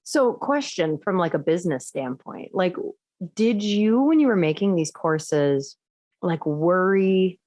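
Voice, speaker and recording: A woman's voice: on the low side, expressive, measured pace, warm tone, no echo. A woman in her thirties, a chiropractor hosting a casual interview, talking frankly and jokingly with lots of "like". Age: 30s. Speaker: chiropractor host.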